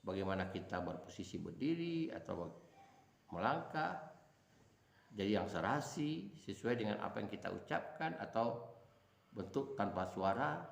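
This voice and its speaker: A man's voice: on the low side, vocal fry, a little hiss or hum. A man teaching a class, explaining and demonstrating intonation on single words. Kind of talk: lecture on voice and acting practice. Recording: echoey room.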